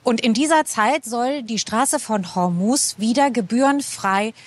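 A woman correspondent explaining the news in a measured, explanatory way. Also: a little high, no room sound.

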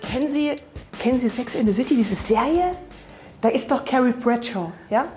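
A woman's voice: a little high, normal speed, a little mellow, faint music behind. A woman who is a member of parliament, chatting and telling stories in a documentary interview. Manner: chatty, storytelling.

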